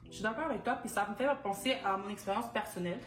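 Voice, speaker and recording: Speaking very fast at a medium pitch, a young woman from Quebec runs a casual discussion as talk show host. She's earnest, asking questions and relating her own experience, while soft music plays in an echoey room.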